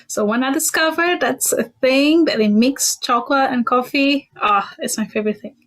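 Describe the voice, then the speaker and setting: A woman's voice: high voice, normal speed, fairly bright tone. Chatty woman from Portugal. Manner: thoughtful, many fillers and restarts, laughs often. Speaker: podcast guest. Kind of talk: casual interview chat.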